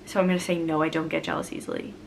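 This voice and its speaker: A woman's voice: low-pitched, flat delivery, rapid-fire, vocal fry, slight background noise. A young woman vlogger in a casual chat answering viewer questions, rambling and chatty with frequent laughs.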